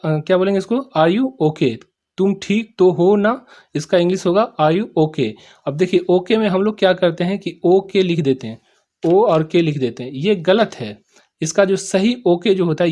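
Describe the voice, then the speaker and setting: A man teaching English sentences in Hindi, repeating each phrase slowly, spelling out words and often asking if students understood. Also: sits high, dark tone. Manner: repeats each sentence slowly, checks "samajh mein aa gaya?"; spells and sounds out words letter by letter. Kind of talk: spoken English lesson explained in Hindi.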